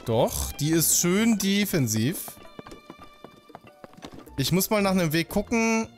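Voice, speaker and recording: Animated man commenting on gameplay. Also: high voice, slow. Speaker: let's play host. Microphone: desk microphone close to the mouth. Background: game music.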